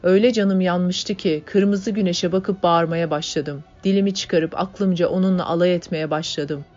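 A woman voicing a young male worker who talks in a sweet, soft-spoken way. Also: on the low side, fairly even intonation, normal speed, close to an everyday voice. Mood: gentle. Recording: dull lo-fi audiobook, faint music.

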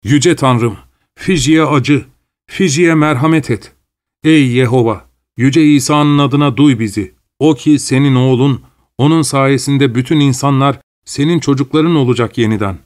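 A man narrating a story voices a calm, steadfast older male missionary who speaks earnestly and prays aloud. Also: medium pitch, a little slow, voice pushed up, lightly acted. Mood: praying. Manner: earnest, pleading.

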